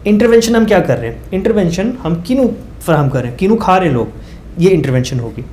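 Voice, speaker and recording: A male doctor talks fast in a high, lively, slightly mellow voice as a guest explaining research methods. He moves through numbered points with everyday examples, hesitant fillers and English phrases here and there. Slight background noise is present.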